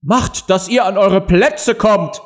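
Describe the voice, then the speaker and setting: A man voicing a furious, shrieking queen in a storybook reading, barking commands in a high shrill voice. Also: wildly swooping pitch, very slow, a bit bright, full character voice.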